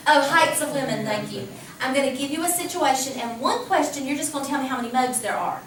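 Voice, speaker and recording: A woman math teacher giving a lively classroom lecture, talking casually and asking the class questions. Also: sits high, fast talker. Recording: echoey classroom from a distance, faint hum.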